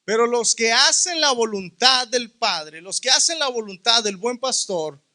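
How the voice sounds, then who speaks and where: A man preaching a sermon as a pastor, teaching with rhetorical questions and drawing out key words slowly. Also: very high-pitched, lively intonation, pushed and bright. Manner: asks the listeners rhetorical questions.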